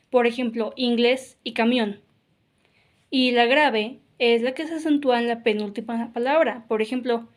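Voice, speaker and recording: A woman teaches a grammar lesson in a fairly high voice. She explains patiently, step by step, and often adds "ok?" or "claro" to check that her listeners follow. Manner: explanatory, frequent "ok?" and "claro" fillers.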